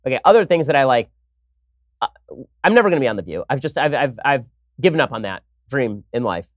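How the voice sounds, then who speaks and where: A male host runs an opinionated political commentary show, wry and sarcastic as he moves briskly between segments. His medium-pitched voice is very animated, and the studio-quality recording has no echo.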